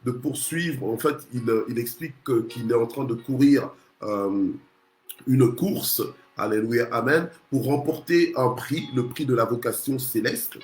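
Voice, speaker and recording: A man's voice: mid-range voice, unhurried. A male pastor from Congo preaching a morning sermon, punctuating nearly every phrase with alleluia and amen and often restarting his words. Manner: restarts and repeats words while searching for phrasing. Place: church. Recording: roomy echoey church sound.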